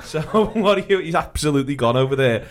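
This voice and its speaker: A man's voice: a little high, animated. A man hosting a casual podcast, reading out messages and putting questions to his co-hosts. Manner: quick, reads listener messages, drives the questions. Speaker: podcast host.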